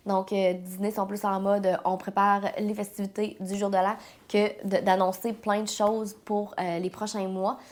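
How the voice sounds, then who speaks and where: A woman's voice: medium pitch, little pitch movement, moderate pace. A woman with a Quebec French accent hosting a casual news vlog, sounding nasal and stuffed up with a head cold, speaking informally and hesitantly. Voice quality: nasal, congested. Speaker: host of a weekly theme park news vlog. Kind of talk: casual news update to viewers.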